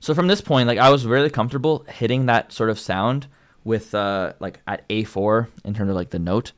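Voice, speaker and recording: On his casual livestream, a young male singer and channel host with a Canadian English accent rambles about how his voice has been progressing, heavy on fillers like "like" and "um." His voice sits on the low side at normal speed, with soft background music.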